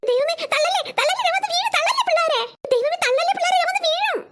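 A woman's voice: very high voice, expressive, quick pace, fairly bright tone, a little hiss or hum. A woman voicing a fussing, flustered grandmother in a cartoon who keeps calling on God. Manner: exclaiming, fretful. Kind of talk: cartoon voice acting.

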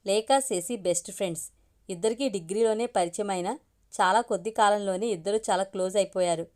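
A woman storyteller narrating a family story in a steady, conversational way. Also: mid-range voice, fast talker.

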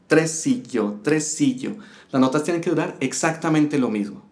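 A man's voice: a little high, fast talker. A man teaching a step-by-step guitar lesson, explaining rhythm and counting syllables aloud. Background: guitar playing.

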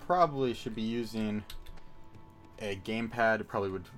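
A man's voice: on the low side, moderate pace, a bit bright, soft background music. Joking man giving gameplay commentary. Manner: joking, chatty, reacts to the game. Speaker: gamer playing through a game.

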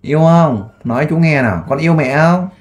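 A man who works as a volunteer interviewer. He asks gentle, coaxing questions and makes an earnest appeal with frequent fillers. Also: fairly high pitch, animated, fairly quick. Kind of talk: on-the-spot interview and appeal to camera.

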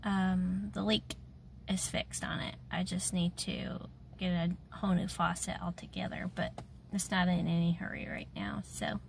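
A woman speaks in a lowish voice with vocal fry, little pitch movement and a measured pace, over a slight hiss or hum. Talking casually to camera on a phone held at arm's length, this vlogger sounds tired, congested and a little nasal, rambling with many fillers. She's in her home kitchen and a parked car.

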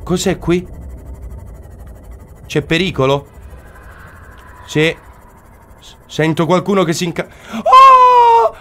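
A man's voice: fairly high pitch, steady tone, slow, pauses often, noisy background. A man commentating his own video game play, exclaiming and repeating short phrases over and over. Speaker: gaming commentator.

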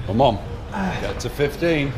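This gym coach from the north of England counts reps and snaps out brief orders while filming his session over gym music. He has a fairly high, sing-song voice at a measured pace, and the background is noisy.

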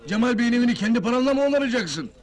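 A man's voice: very high-pitched, lively intonation, rapid-fire. A blunt, indignant townsman. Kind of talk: 1970s post-synced film dialogue.

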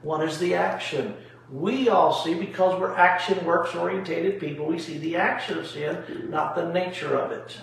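A man's voice: high-pitched, steady tone, moderate pace, vocal fry. A male pastor teaching a Bible study at home with emphatic rhetorical questions, recorded in an echoey room from a distance. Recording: echoey room from far off, faint noise.

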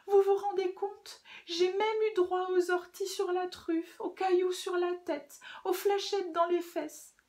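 A woman voicing a whiny, bullied wolf in a children's storybook, sobbing in a high, wailing voice. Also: a little mellow.

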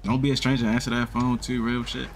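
A man's voice: medium pitch, flat delivery, fast, a little hiss or hum. A man with a Baltimore accent in laid-back, slangy street talk, playing a flirty character in an online roleplay game over a headset mic.

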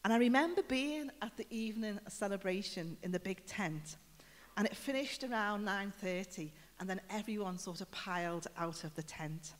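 A woman's voice: medium pitch, moderate pace. Woman preacher, chatty storytelling, long church-hall reverb. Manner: chatty storytelling with questions to the congregation. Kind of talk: conversational sermon. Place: church building.

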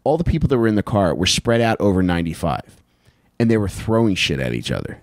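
With a lowish voice that swings widely in pitch, a man in his thirties talks fast as a co-host of a comedic true-crime podcast, blunt and casual and swearing often. He holds a handheld mic close in a small indoor room on couches, and the recording is dry.

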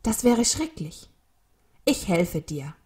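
A woman's voice: lowish voice, big pitch swings, slow pace, darkish tone. A woman voicing a kind, brave female whale who sounds reassuring and eager in a storybook reading. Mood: caring. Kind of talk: storybook read-aloud.

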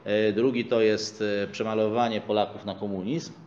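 A man's voice: lowish voice, little pitch movement, a little mellow. Middle-aged guy asking a question, lots of ums, dull far-off camera sound. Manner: hesitant, many fillers, halting. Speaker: audience member asking a question. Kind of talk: question from the floor. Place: small lecture room. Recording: muffled, faint hiss.

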